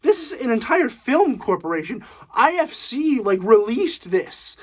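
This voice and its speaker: Young male reviewer, casual and animated, laughing through his take. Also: extremely high pitch, measured pace, husky. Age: young adult. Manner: animated, laughing, with frequent fillers. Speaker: movie reviewer. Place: room at home.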